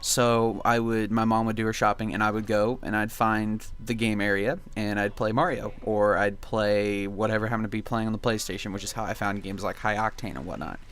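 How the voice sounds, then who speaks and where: Laid-back, nostalgic man with a clear, lowish voice. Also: steady tone, a little fast, few pauses, fairly bright tone. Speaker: video game commentary host. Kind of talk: casual reminiscing gameplay commentary.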